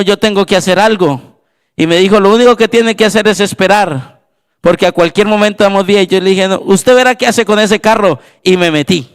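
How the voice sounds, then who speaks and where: A Colombian pastor preaching a sermon in a church, his voice pitched high for a man. His tone is smooth and resonant. He tells stories and builds to fervent exclamations. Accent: Colombian Spanish. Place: church sanctuary.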